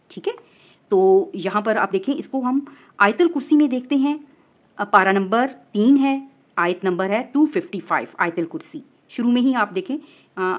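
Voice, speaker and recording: A woman teacher explaining the stop marks of Quran recitation step by step, often checking that her listeners follow and reciting verses slowly. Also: medium pitch. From Pakistan. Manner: patient explaining, asks "ٹھیک ہے؟" often. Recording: muffled lo-fi recording.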